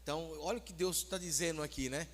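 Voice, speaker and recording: A man's voice: a little high, fast. A Brazilian man preaching a sermon as pastor, coaxing and urging his congregation to take part. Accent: Brazilian Portuguese. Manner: exhorting the congregation, coaxing then urging loudly. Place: church hall. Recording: echoey church hall.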